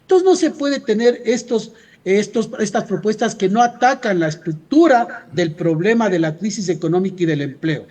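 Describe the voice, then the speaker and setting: Speaking at a moderate pace with a high, animated, darkish voice, an Ecuadorian union leader argues his point in a radio interview. He is emphatic and insistent, often raising rhetorical questions and answering them himself.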